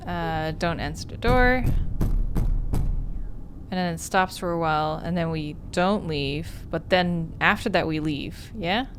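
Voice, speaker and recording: During a livestream playthrough, a woman game streamer reads and talks through a visual novel in an expressive, storytelling way. Her voice is lowish and a little slow, with background noise behind it.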